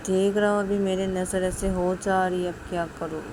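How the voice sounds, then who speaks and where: Brief: woman playing a stubborn flirt who murmurs low and won't back down. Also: flat delivery, moderate pace, background noise, close to an everyday voice. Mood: flirty.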